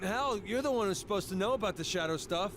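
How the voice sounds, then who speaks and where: A gruff teenage tough guy from a game, blunt and easily baffled. His voice jumps around in pitch over a noisy background. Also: animated, fast talker. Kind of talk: video game voice acting.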